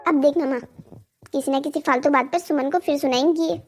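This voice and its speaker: A voice actor playing an indignant, argumentative young man in a cartoon story, protective of his sister and quick to anger. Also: very high-pitched, fairly even intonation, soft background music. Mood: defiant. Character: hot-headed protective young brother.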